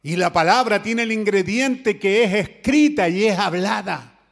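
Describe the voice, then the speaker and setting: A man preaching, with a notably high voice. He speaks earnestly and keeps turning to his listeners with rhetorical questions. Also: lively intonation, a little slow, vocal fry. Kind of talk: sermon.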